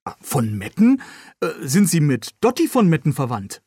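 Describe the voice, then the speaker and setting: A man's voice: a little high, huge pitch swings, moderate pace, dark tone, husky, no room sound, exaggerated voice. A man voicing a young, friendly, helpful man with a dog in a read-aloud novel, cheerful and joking.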